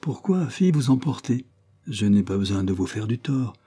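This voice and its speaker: A man reading an audiobook, voicing a good-humoured, mocking man who speaks calmly and teasingly. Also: medium pitch, moderate pace, slightly rough, pitched above the performer's own voice. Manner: calm, laughing, teasing.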